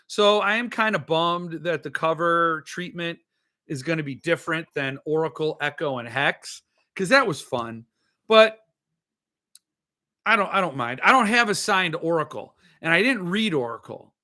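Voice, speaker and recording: A man hosting a book-collecting show chats about his interests in a casual, rambling way. His voice sits on the high side, animated and sharp at normal speed; he hesitates, thinks out loud, wanders into asides, and lisps so his s sounds come out slushy.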